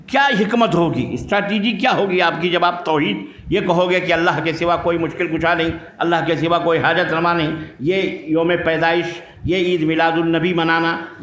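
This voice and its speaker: A man's voice: a little high, fairly bright tone, slight background noise. A man, an Islamic scholar, answering audience questions in a blunt, emphatic preaching manner. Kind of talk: religious Q&A talk. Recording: echoey room.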